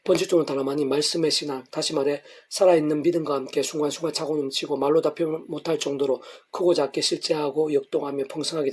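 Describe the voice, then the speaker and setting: A man's voice: fairly high pitch, a little mellow, breathy edge. A middle-aged man pastor reading a devotional sermon in long, flowing, earnest sentences.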